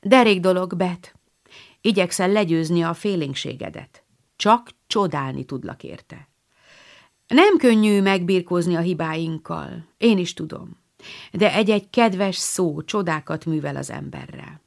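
A woman's voice: lowish voice, lively intonation, gravelly. A woman voicing a loving, wise middle-aged mother who speaks encouragingly. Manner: warm, encouraging.

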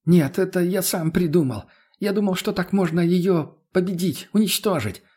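A man reading an audiobook, voicing a frightened, shaken teenage captive who speaks in short, halting bursts. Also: high-pitched, mellow, slightly rough, voice pushed up. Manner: fast, halting, pleading.

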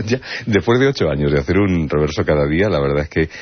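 Man, very low voice, breathy, reflective, radio interview guest, muffled broadcast. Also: expressive, fast talker, no echo. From Spain. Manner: reflective, wordplay-loving, frequent rhetorical "¿no?". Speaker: guest poet and writer. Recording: dull radio broadcast sound.

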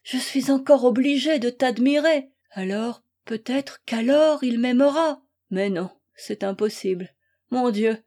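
A woman voicing an anguished young wife who is jealous and desperate, in a dramatic audiobook reading with a loud, impassioned, pleading manner. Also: a little high.

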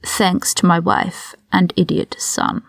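A woman's voice: fairly low pitch, level tone, takes it slowly, vocal fry, no room sound, studio quality, heavily acted. A woman voicing a cold, sneering aristocratic older man who speaks in a hissing whisper, in a whispered role-play from a read-aloud story. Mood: bitter. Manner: condescending, cutting.

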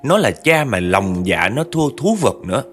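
A man voicing the vengeful ghost of a young woman, shrill and choked with rage. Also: very animated, moderate pace, a bit bright.

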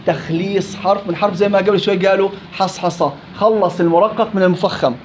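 A man teaching a tajweed lesson on Quran recitation. He drawls sample words slowly, repeats them, and quizzes the class. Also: high voice, steady tone, darkish tone. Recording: dull lo-fi with faint background noise.

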